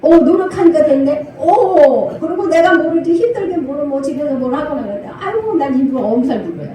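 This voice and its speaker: An older woman pastor preaching a sermon, animated, acting out parent and child voices and laughing often. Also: high-pitched, fairly quick, a crowd in the background. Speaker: senior pastor. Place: church sanctuary. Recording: echoey church hall from far off.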